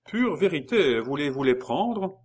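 A man voicing a gruff male revolutionary patriot who brags and blusters to please his betters. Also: a little high, very animated, a little slow, pitched above the performer's own voice, exaggerated voice. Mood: boastful.

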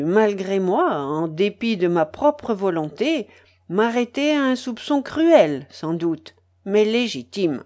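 A woman voicing a pompous middle-aged businessman who lectures in a smug, falsely gentle way. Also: mid-range voice, lightly acted.

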